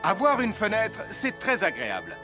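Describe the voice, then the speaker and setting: A responsible cartoon fireman who explains safety rules to children. He is friendly and high for a man, with very lively intonation over music. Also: normal speed. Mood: instructive.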